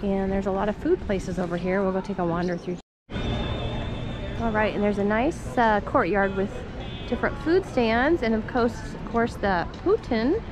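A woman's voice: medium pitch, moderate pace, over music. A middle-aged woman gives upbeat, chatty walking-tour commentary as a travel vlogger, outdoors on a city waterfront with a camera held at arm's length. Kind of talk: casual walking-tour narration. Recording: loud street noise outdoors.

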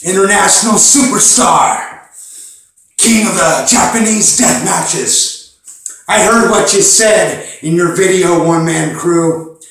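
Male wrestler for a threatening, theatrical wrestling promo: slow, emphatic, boastful, recorded off-mic. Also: sits high, a bit bright, recorded from a distance. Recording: very echoey small room, off-mic.

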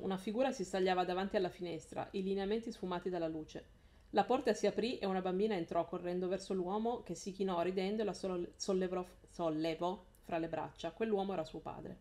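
Woman reading a book out loud on a stream, laid back, keeps fixing her slips. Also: mid-range voice. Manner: casual reading with frequent self-corrections and laughs. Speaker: live stream host reading aloud. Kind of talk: reading a novel aloud on a live stream.

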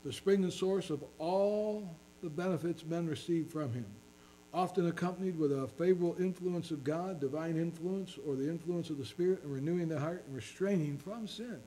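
A man's voice: fairly high pitch, normal speed, dark tone, a little hiss or hum, rough recording. A man preaching a sermon as pastor, earnestly reading scripture in King James wording.

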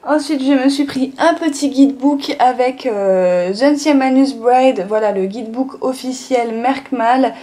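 A woman's voice: sits high, unhurried, few pauses, dark tone. A young woman chatting casually through a manga haul video, filling her talk with small fillers. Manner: chatty, many fillers and "donc voilà". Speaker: manga vlogger. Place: sunny room at home.

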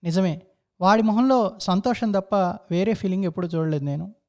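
A man's voice: sits high, fairly quick, a little mellow. A man narrating a first-person story in a reflective, introspective way.

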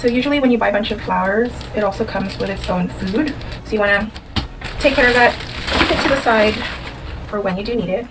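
A woman's voice: mid-range voice, fairly quick, background noise. A woman in her thirties from the Philippines, chatting casually in a rambling vlog with fillers and restarts, talking to the camera from her car and then at home. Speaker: vlogger. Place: car at night, then small room at home. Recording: loud music bed under the voice.

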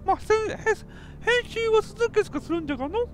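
A woman's voice: very high voice, expressive, quick pace, faint music behind. A woman commentating a video game in a playful, boastful, old-fashioned elderly dialect. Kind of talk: casual let's play commentary.

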